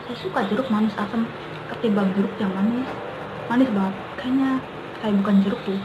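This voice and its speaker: A woman's voice: medium pitch, brisk, echoey room, noisy background. A young woman chats casually in short remarks, talking with her mouth full as she eats. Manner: talks with mouth full while eating fruit. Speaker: mukbang vlogger. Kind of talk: casual eating-show chat in short remarks. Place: small indoor kitchen. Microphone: camera or phone at arm's length. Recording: dull lo-fi sound, music over it. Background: clear background music.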